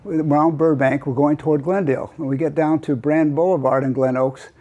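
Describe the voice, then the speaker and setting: A man's voice: on the high side, steady tone, fairly quick, warm tone, highs cut off. An older American man in his eighties telling a casual, rambling grandpa story, hesitating and wandering into detailed asides. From Southern California. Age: older, 80s.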